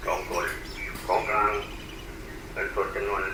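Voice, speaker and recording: A man, a police officer, giving terse, clipped coded reports over a walkie-talkie radio in a police roll call. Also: measured pace. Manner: terse, clipped reports of ranks, numbers and code. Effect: heard over a police walkie-talkie radio. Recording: noisy, echoey two-way radio transmission.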